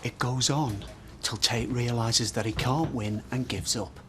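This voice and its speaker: A man's voice: medium pitch, unhurried, pushed and bright, a little hiss or hum. A smug, stubborn businessman. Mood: defiant. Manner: defiant, smug, flirtatious. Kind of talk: television soap drama.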